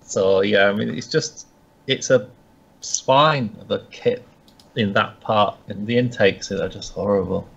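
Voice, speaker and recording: A man joining a casual modelling live show over a call, speaking briskly and frankly in a slightly rushed way. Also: on the low side, vocal fry, slightly rough. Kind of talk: casual live-stream chat. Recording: dull lo-fi call audio.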